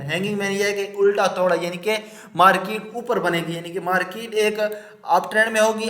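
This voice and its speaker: A man who teaches chart patterns to beginners, talking fast with many fillers and restarts. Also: high-pitched, pushed and bright. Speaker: trading teacher. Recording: echoey room.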